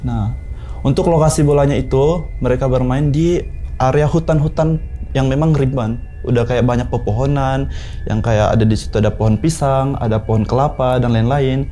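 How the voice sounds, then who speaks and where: A man in his twenties from South Sulawesi, telling a horror story in a relaxed, unhurried way with many pauses. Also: mid-range voice, faint music behind. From South Sulawesi, Indonesia. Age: 20s. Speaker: guest storyteller.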